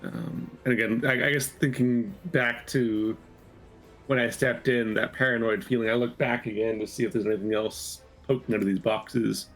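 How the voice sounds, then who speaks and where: A man's voice: mid-range voice, steady tone, moderate pace, a bit bright, faint music behind, rough recording. A man playing a tabletop game, thinking aloud in a tentative way. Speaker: player.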